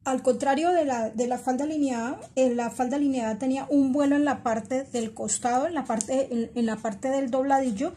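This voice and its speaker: "My girls," a middle-aged woman warmly calls her students as she teaches sewing pattern-making step by step. Her voice is high-pitched and her pace normal, with hardly any pauses, and she patiently repeats each measurement.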